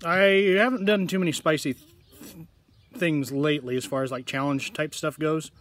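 Relaxed man doing a tasting vlog. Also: a little high, normal speed. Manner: relaxed, rambling, talks to viewers directly. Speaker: food reviewer.

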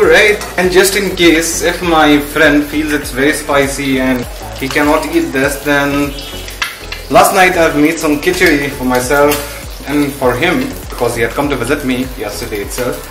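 A man's voice: a little high, fairly even intonation, a little slow, reverberant, music in the background, low-quality recording. A young man from India chatting casually in a vlog, switching between English and Hindi, recorded in a small home room and kitchen. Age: young adult. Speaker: vlogger.

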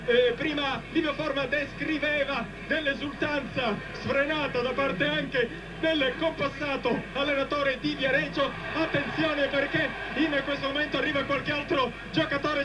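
A male pitch-side radio reporter giving excited, urgent live football coverage from a stadium touchline. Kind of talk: live sideline reporting and commentary. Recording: noisy outdoor radio link from stadium.

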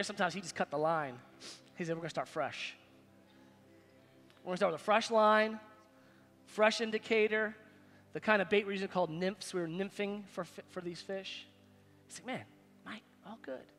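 A man in his forties preaching a sermon as pastor, animated, swinging between loud high bursts and quiet low asides. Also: moderate pace, pauses often. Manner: animated, preaching with big swings in loudness and pitch. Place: large stage in a church hall. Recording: long hall reverb, faint music behind.

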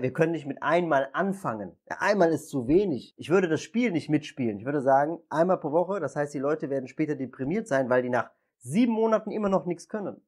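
A man, a German teacher, chatting casually as a podcast guest, emphatic and often repeating himself for stress. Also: a little high. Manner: animated, emphatic, often repeats words and asks "ja?". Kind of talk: casual interview chat. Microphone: video podcast setup.

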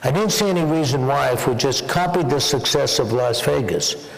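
Gravelly man telling wry stories. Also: medium pitch, moderate pace. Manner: wry, joking storyteller. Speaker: honored guest. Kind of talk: onstage interview at a dinner. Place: large banquet hall. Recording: echoey banquet hall.

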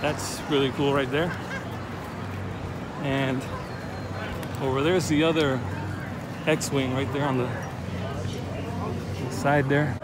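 This outdoor phone video shows a middle-aged man on a casual walking-tour vlog at a theme park, talking enthusiastically with the camera at arm's length. His medium-pitched voice is steady and slow with frequent pauses, and the audio is very noisy with loud music and crowd sounds.

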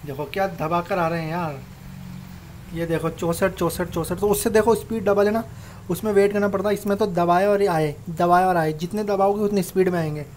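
A man's voice: high voice, fairly even intonation, fairly quick, darkish tone, a little hiss or hum. A young man casually narrating his own gameplay as host of a gaming channel, talking informally and directly to his viewers like friends. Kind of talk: casual Minecraft tutorial voice-over.

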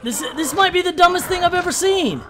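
A man's voice: very high voice, fairly quick, background noise. Male game host who mock-rants through his play, with a bouncy, wide-ranging delivery. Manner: animated, exasperated mock-ranting. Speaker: gaming channel host. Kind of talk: let's-play commentary.

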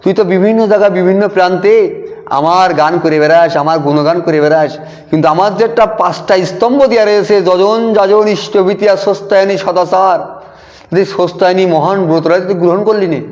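Guy retelling a religious story, kinda high voice, lots of quoting and repeating, muffled echoey hall. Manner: animated retelling, quotes dialogue with emphatic repetition. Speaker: devotee sharing a testimony. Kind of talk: storytelling testimony. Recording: dull audio in a long-reverb hall.

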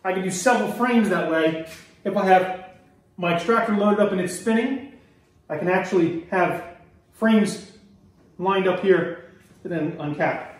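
Middle-aged man, fairly high voice, relaxed how-to demo; echoey workroom, mic a few feet off. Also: recorded from a distance. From Maryland, US. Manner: relaxed, explanatory, pauses while working. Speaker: beekeeper demonstrating honey harvest. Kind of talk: hands-on how-to demonstration. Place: indoor workroom, hard surfaces. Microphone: camera mic from a few feet away.

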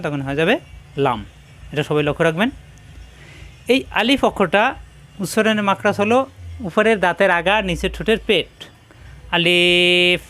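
A man teaching Quran reading in a spoken lesson, patiently repeating each letter sound slowly for practice. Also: high-pitched, fairly bright tone. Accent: Bangladeshi Bengali.

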